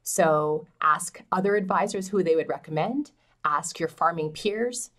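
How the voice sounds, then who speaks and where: Middle-aged woman, lowish voice, direct and encouraging advisor to camera. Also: measured pace, fairly bright tone. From Canada. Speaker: farm transition specialist. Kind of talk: educational talk to camera. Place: small indoor office.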